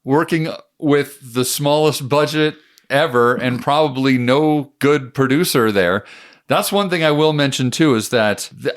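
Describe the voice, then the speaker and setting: Easygoing male podcast co-host. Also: medium pitch. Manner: easygoing, laughs often, quick agreeing replies. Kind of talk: casual movie review chat.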